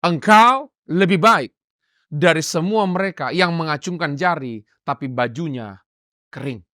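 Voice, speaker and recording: A man's voice: a little high, a little slow, sharp tone, dry recording, studio quality. A male pastor preaching a sermon emphatically and repeatedly calling out to the congregation.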